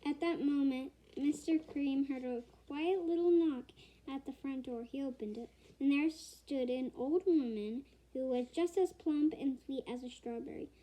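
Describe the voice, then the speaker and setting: Woman storyteller, high pitch, expressive picture-book reading, emphatic, slightly halting delivery. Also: rough recording. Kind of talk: expressive children's picture-book read-aloud.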